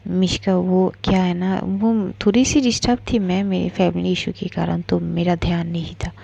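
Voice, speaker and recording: A woman's voice: on the low side, steady tone, normal speed, gravelly, warm tone. A woman voicing a nervous young female employee who stammers and keeps apologizing.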